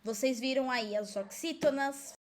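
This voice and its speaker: Woman teacher, high voice, friendly, walks through grammar step by step. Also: a little slow. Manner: friendly, explaining step by step, with frequent checks like "certo?"; asks herself pupils' questions in a lighter voice. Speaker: Portuguese teacher. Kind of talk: recorded school lesson.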